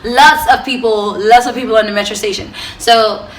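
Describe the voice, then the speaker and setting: A young woman with a Nigerian accent telling stories to camera, animated, jumping from loud bursts to hushed asides. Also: a little high, normal speed, reverberant. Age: young adult. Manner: animated storyteller who swings from loud outbursts to hushed asides. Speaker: vlogger. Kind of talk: storytelling to camera.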